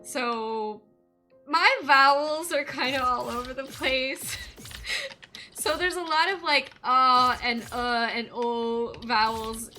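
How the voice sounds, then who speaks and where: Laughing Canadian woman streamer with a high voice, over game music. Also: steady tone, slow pace, pushed and bright. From West Coast of Canada. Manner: chatty, laughs often, thinks aloud. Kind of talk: casual livestream gameplay chat.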